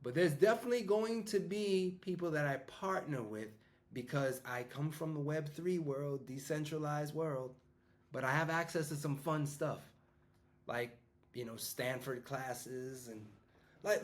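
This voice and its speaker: A man's voice: on the high side, expressive, a little slow. Rambling fifty-year-old New man. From New York. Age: 50s. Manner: rambling, conversational, frequent restarts and fillers. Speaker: business coach and school founder. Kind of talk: casual monologue to an audience.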